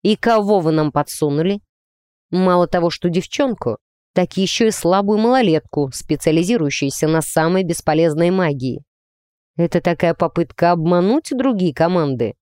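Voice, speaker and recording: A woman voicing a gruff, scornful young male team captain in an audiobook, curt and sneering. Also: on the low side, expressive, moderate pace, a little mellow, dry recording, clean studio sound, natural voice.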